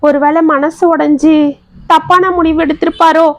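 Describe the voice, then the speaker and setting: A woman's voice: high voice, fairly even intonation, normal speed, no room sound, voice pushed up. A woman voicing a young wife in a story, speaking in an emotional, pleading way. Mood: remorseful. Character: young wife, tearful and remorseful.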